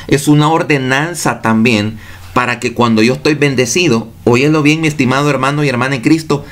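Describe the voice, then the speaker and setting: Man preaching a Bible sermon. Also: mid-range voice. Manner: preaching with rhetorical questions to the congregation; addresses listeners directly and reads scripture aloud. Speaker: pastor.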